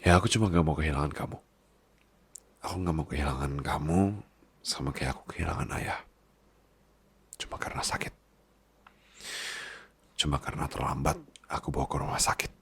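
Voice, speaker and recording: In an intimate ASMR boyfriend-style roleplay, a man with an extremely low, husky voice speaks fairly quickly, pausing often, in a heavily acted, casual way. He plays a doting, worried boss husband who's clingy like a big baby, coaxing and teasing tenderly.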